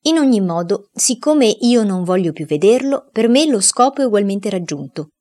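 A woman reading a storybook, voicing a stern father who speaks calmly, seriously and dryly. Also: mid-range voice, lightly acted. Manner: serious, dry and measured. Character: stern calm father of a boy.

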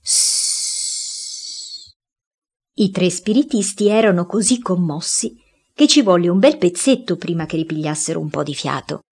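A woman reading a boy's first-person diary story aloud, in a lively storytelling way. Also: fairly low pitch, fairly quick, breathy edge. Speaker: reader.

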